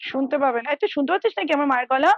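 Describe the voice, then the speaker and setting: Woman math tutor, high voice, dry close sound, patient step-by-step explainer on a headset call from home. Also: animated, rapid-fire, no room sound, lo-fi sound. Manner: explains step by step, checks in often. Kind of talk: casual tutoring over a call. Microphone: headphones.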